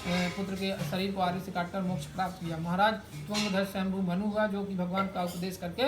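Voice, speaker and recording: A man acting as a priest, reading a religious story aloud and chanting names in a hurried, even way with small slips and restarts. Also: high voice, music in the background. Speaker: priest leading a home worship ritual. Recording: echoey room, faint background noise.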